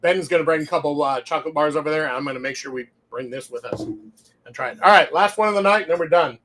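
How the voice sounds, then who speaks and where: A man's voice: on the high side, fast talker, fairly bright tone. A man from Louisiana hosting a casual wine-tasting show, telling stories in a rambling, chatty way and sometimes talking with his mouth full. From Louisiana, USA. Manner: chatty, rambling storyteller who often chuckles; talks with his mouth full while eating. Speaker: wine shop owner and show host.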